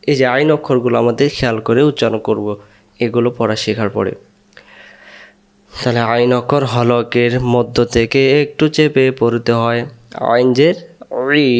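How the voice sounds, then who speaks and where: A man teaching Arabic letter pronunciation, patiently spelling out letters and syllables and drawing out vowels. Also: mid-range voice. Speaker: Quran reading teacher. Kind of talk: slow spelling-out lesson with drawn-out sounds.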